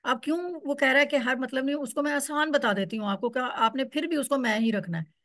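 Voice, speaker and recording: A woman's voice: sits high, fast, a bit bright, no room sound, clean studio sound. A woman teaching a class, explaining step by step and repeating words so students can follow. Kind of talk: online Quran Arabic class.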